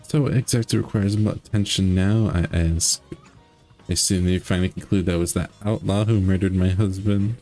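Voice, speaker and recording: A man's voice: low-pitched, steady tone, normal speed, dark tone, faint music behind. A man voicing a pompous older widow. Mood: haughty. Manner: pompous, genteel, condescending. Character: haughty older woman suspect, a widow.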